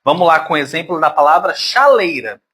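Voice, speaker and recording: A man's voice: on the high side, animated, brisk, pushed and bright. A man teaching a grammar lesson to his pupils, patient and affectionate, sounding words out syllable by syllable.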